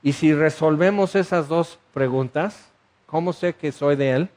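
A man preaching, his voice sitting a little high. He is animated and keeps putting questions to his listeners as he acts out the story. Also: a little slow. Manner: animated, asks the audience questions, acts out scenes. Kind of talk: sermon.

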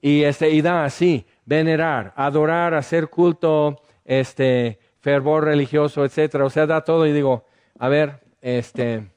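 An American man, a native English speaker, preaches in a loose, conversational teaching style. His voice sits fairly high, and he stops often to restart with small fillers. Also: fairly even intonation, unhurried, darkish tone, clean tone. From United States. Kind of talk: sermon teaching.

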